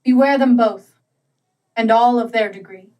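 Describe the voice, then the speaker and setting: A grave, aging male ghost from a storybook, voiced by a woman. The delivery is slow and dramatic, sorrowful and stern in its warnings. It is recorded slightly away from the microphone. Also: a little high, distant mic, highs cut off, lightly acted.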